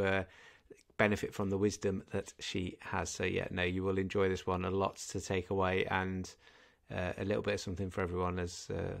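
Low and creaky, the voice belongs to a thirtysomething Scouse podcast co-host who jokes and rambles casually, using lots of fillers. He's indoors in a home room, speaking into a desk condenser mic on a video call.

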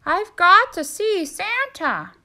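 A woman voicing a squeaky, anxious turkey. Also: sing-song, takes it slowly, bright, forceful tone, exaggerated voice. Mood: pleading. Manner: squeaky, pleading, gobbling exclamations. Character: anxious male turkey, desperate and plucky.

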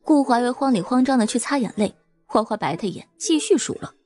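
A woman narrating an audio drama in a lively, expressive storytelling manner. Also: fairly high pitch, fast, soft background music.

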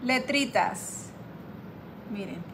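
A woman hosting a casual live craft tutorial, chatting warmly with her viewers and reading their comments aloud. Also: fairly high pitch, lively intonation, extremely slow, noisy background. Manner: chatty, affectionate, calls viewers "my girls", reads comments aloud. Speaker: craft livestream host.

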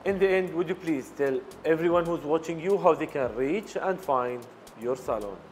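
A man's voice: on the high side, normal speed, slight background noise. A man hosting a business interview show, asking formal, scripted questions. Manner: formal, scripted presenter phrasing.

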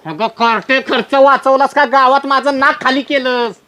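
A woman's voice: sits high, fairly even intonation, moderate pace, sharp tone. A woman playing an angry middle-aged village father who scolds his daughter indignantly. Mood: scolding. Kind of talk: comedy sketch acting.

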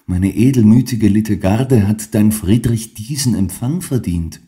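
Grave, shaken nobleman in a classic audiobook, read by a man, slow and low. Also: warm tone, natural voice. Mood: stunned earnest. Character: shaken, earnest young nobleman.

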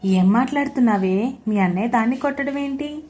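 A loud, domineering mother-in-law, as a woman puts her on, who scolds and yells without letup. Her voice is high and pushed hard in this audio story. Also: brisk, lightly acted. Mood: scornful. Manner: scolding, shouting. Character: shrill domineering middle-aged mother-in-law.

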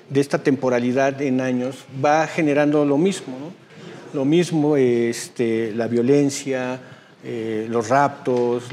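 A man's voice: medium pitch, darkish tone, slight background noise. Hesitant male theater teacher, hall echo. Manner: hesitant, many fillers. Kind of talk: casual interview. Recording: reverberant hall.

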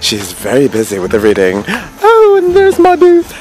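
A man's voice: mid-range voice, huge pitch swings, moderate pace, darkish tone, faint music behind. A middle-aged man speaking in flamboyant, mock-archaic Renaissance fair speech as he hosts a handheld vlog outdoors. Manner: theatrical, flamboyant, mock-archaic courtly wording. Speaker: tarot reader at a Renaissance fair, vlog host. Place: outdoors at a fairground lane with stalls. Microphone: handheld phone at arm's length.

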